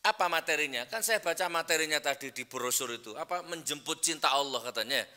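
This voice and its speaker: A man's voice: a little high, a little fast, sharp tone. A man preacher giving a sermon to a live congregation, talking directly and coaxing the crowd to raise their hands. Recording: long hall reverb.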